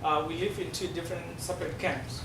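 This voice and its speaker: A middle-aged South Sudanese man, a Dinka speaker, explains things to a class in a halting way, often pausing with fillers. His voice sits a little high for a man. The recording comes from a distance in an echoey room with a noisy background. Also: steady tone, a bit bright. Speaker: guest speaker. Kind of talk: classroom presentation.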